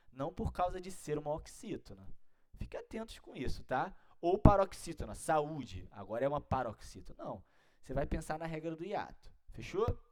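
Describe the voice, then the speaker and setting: A man with a Brazilian Portuguese accent teaching an exam-prep grammar lesson, explaining step by step and checking in with his students often. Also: a little high. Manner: didactic, keeps checking in with listeners.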